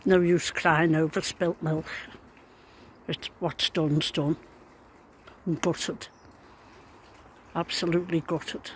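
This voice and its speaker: A man's voice: a little high, level tone, takes it slowly, long pauses. A man with a Liverpool accent giving a casual, resigned video commentary in a downcast way, on an amateur recording. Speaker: amateur vlogger. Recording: amateur recording with background noise.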